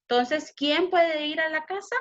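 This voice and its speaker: A woman's voice: high-pitched, measured pace. Woman teacher going thru grammar for kids, patient, lots of examples, kinda muffled lo-fi audio. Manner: patient, explains step by step with example sentences. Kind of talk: recorded grammar lesson for children. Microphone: computer mic.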